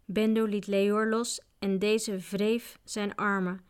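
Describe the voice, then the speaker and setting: A woman narrating a children's adventure book in a steady storytelling voice. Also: mid-range voice, takes it slowly, smooth. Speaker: audiobook narrator. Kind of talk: scripted narration.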